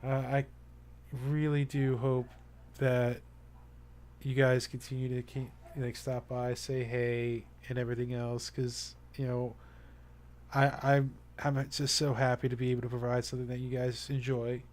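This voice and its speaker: Talking easily to his stream's audience, this young man rambles with earnest restarts and plenty of fillers. His middle-pitched voice has a darkish tone and little pitch movement, and his pace is a little slow.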